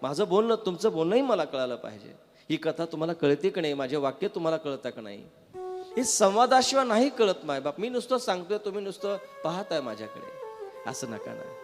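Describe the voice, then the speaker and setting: High, animated man preaching a katha. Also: fairly quick. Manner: lively, coaxing the crowd to answer back. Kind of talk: devotional sermon to a live audience. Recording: reverberant hall with faint music.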